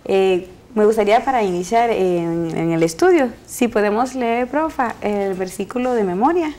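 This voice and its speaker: A woman hosts a Bible study program in a TV studio. She greets her guests warmly and keeps the talk moving with questions. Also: medium pitch, animated, normal speed. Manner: welcoming, asks questions to guests. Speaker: host.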